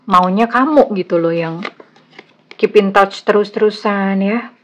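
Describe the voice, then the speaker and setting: A woman's voice: mid-range voice, measured pace, lo-fi sound. A woman with an Indonesian accent doing a casual tarot reading for a viewer, chatty and blunt, mixing in English phrases. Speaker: tarot reader.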